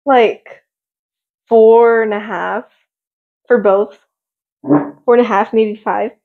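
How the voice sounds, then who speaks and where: A woman's voice: on the high side, fairly even intonation, drawn-out words, narrow, tinny audio. A teenage girl chatting casually with her father, offhand and giggly, often hesitant. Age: teens. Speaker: daughter. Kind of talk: casual family chat.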